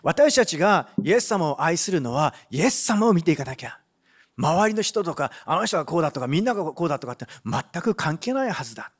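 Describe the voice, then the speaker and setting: A man's voice: a little high, fairly quick. A man preaching a sermon as pastor, retelling a Bible story and reading scripture aloud, often adding a questioning "ne". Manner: animated, with frequent rhetorical "ne" and Bible reading.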